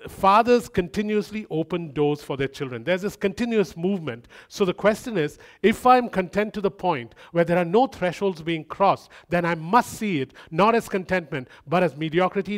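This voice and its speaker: A man preaching a sermon in a conversational way, with humorous asides and repeated phrases that build up. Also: sits high.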